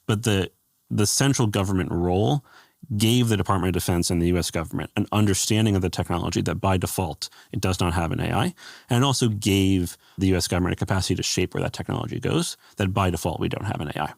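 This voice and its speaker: Man, very low gravelly voice, dry booth sound; measured policy guest who pauses on fillers. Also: dry recording. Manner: measured, thoughtful, with frequent fillers. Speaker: guest, former government AI adviser. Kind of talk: interview answers.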